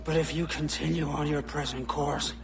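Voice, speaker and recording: An actor playing a stern, disillusioned older pirate in a video game, forceful and reproachful. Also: male voice, fairly high pitch, steady tone, moderate pace, creaky, background noise. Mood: bitter, reproachful. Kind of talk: cinematic video game acting. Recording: distant voice with music behind.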